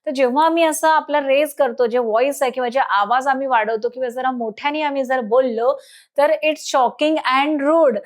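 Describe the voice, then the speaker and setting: High-voiced woman teacher. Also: steady tone. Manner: reads English lines slowly, then translates and explains. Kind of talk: English lesson explained in Marathi.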